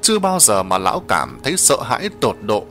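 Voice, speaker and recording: A man narrating a horror story in a dramatic, expressive reading. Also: lowish voice, brisk, faint music behind.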